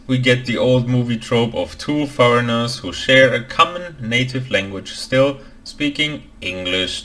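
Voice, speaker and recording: Heard over a rough recording, a medium-pitched German man who works as a language expert reacts to a film. His commentary is dry and opinionated, laced with deadpan asides.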